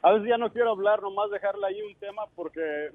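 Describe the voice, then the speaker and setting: Guy calling in over a tinny phone, stutters a lot, swears, fairly high voice. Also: fast, no room sound. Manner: stammering, swears, mixes Spanish and English. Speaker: caller. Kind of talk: casual phone-in chat.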